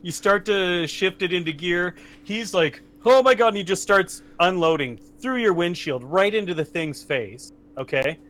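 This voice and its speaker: A man running a tabletop horror game as game master, narrating in a casual, halting way. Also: sits high, fairly bright tone.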